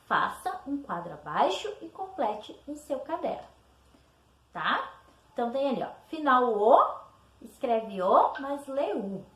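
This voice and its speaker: A woman's voice: high-pitched, very animated, measured pace, fairly bright tone. A woman with a Brazilian Portuguese accent, a teacher patiently explaining spelling exercises and checking in with her pupils. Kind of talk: recorded spelling lesson walkthrough. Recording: echoey room.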